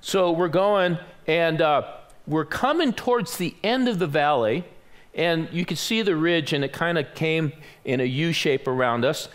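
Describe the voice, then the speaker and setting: An older male pastor preaching a sermon in a church, his voice sitting a bit high for a man. He tells his story with easy self-deprecating humor and slips into the voices of its characters. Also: lively intonation, unhurried. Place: church sanctuary.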